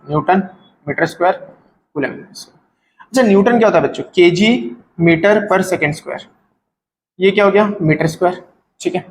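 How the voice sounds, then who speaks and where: High-voiced man teaching physics. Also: echoey room, slight background noise, poor audio. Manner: explains step by step, checks in with students. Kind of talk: classroom lecture.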